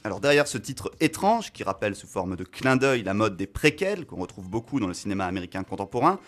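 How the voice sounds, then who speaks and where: A man's voice: lowish voice, very animated, fairly quick. A man giving a casual film chronicle on a radio show, chatty and self-mocking, with many fillers and restarts. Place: radio studio.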